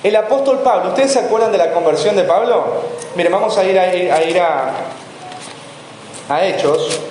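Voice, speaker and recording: A man's voice: high-pitched, moderate pace, a little mellow. A man preaching a sermon as pastor, asking the congregation rhetorical questions. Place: church hall. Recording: echoey church hall with faint room noise.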